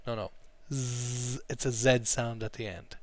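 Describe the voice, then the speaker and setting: A man's voice: medium pitch, brisk. A man teaching an English class, explaining vocabulary and drilling pronunciation with repeated phrases. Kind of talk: classroom language lesson.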